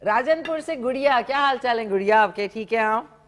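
A woman hosting a live TV cooking demonstration, chatty and animated with frequent exclamations. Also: a little high, a little fast. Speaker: morning show host. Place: TV studio kitchen set.

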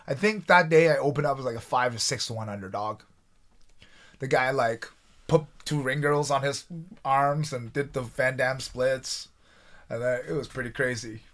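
A man in his forties from Taiwan, telling his own stories as a guest in a casual interview, animated and quoting himself. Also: mid-range voice, moderate pace. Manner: animated, restarts often, quotes himself. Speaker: guest, former fighter.

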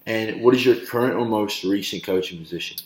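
A young man in his twenties interviewing a fellow coach in a casual way, chiming in with quick affirmations, recorded on a laptop webcam in a small room. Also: on the low side. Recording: roomy webcam audio.

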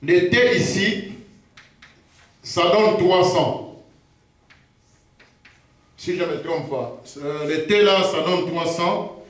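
A man preaching a teaching sermon, slow and repetitive, pausing to check himself as he goes. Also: high-pitched. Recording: very echoey room.

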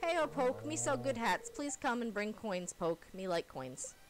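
A woman voicing a tiny, eager mouse hat seller with a squeaky pixie voice and childlike broken grammar. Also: animated, moderate pace, noisy background, close to an everyday voice. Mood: eager, pleading.

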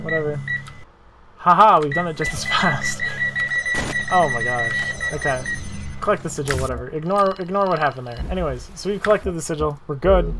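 A man casually narrating a speedrun tutorial over gameplay, relaxed and self-deprecating, with many fillers and repeated words. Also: a little high, creaky. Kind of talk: casual gameplay walkthrough commentary.

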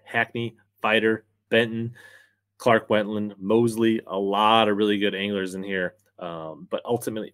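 Seated at a desk in a small room, a thirtysomething American pundit delivers fantasy fishing picks and commentary straight to camera. He speaks on the low side, and there's no room sound.

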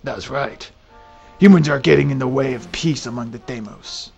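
A man voicing a gruff, blunt male demon warrior, reading video game dialogue in a stern, deliberate way. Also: mid-range voice, darkish tone, soft background music, pitched below the performer's own voice, close to an everyday voice. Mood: resolute.

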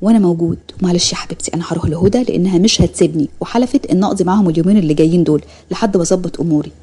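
A woman playing a gentle young man in an Egyptian Arabic accent, soothing his family with soft, tender words. The voice is mellow and husky and runs along quickly in a storybook tale. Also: lowish voice. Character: gentle, successful young man, loving brother and son.

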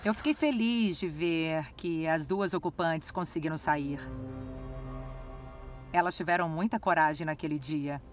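A woman's voice: low voice, measured pace, soft background music. A woman voicing a sincere sheriff's deputy in documentary interview narration.

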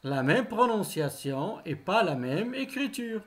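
A man teaching French reading, who says each word slowly two or three times and gives short simple explanations between the drills. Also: sits high, big pitch swings. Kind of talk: slow, drilled pronunciation lesson.

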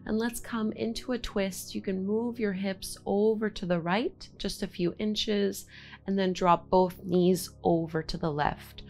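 A woman in her thirties teaching yin yoga in a soothing, gentle, instructive way. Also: medium pitch, fairly even intonation, measured pace, vocal fry, soft background music. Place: indoor home studio room, seated and lying on a mat.

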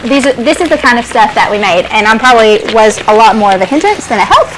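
Young woman with a high, chatty voice. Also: lively intonation, fast talker, a bit bright, a little hiss or hum, low-quality recording. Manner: chatty, upbeat, explaining step by step. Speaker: cooking show co-host. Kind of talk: casual cooking demonstration. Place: small indoor TV studio set.

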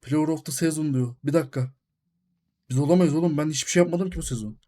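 A young man commentating his own football video game, shouting at goals and griping at the referee. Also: on the high side, fast. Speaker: gaming YouTuber.

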